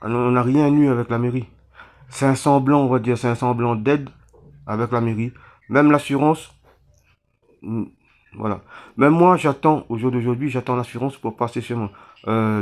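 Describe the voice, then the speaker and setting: A man from Réunion speaking straight to his viewers, halting and full of restarts, pleading for help after a cyclone. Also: medium pitch, steady tone, a little mellow. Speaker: vlogger appealing for donations. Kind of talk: emotional appeal to camera.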